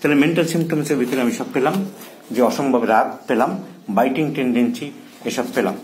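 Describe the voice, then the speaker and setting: A man's voice: medium pitch, fairly quick, darkish tone, slight background noise. A man who is a doctor, teaching case taking in his clinic and thinking aloud as he repeats key terms. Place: clinic consulting room.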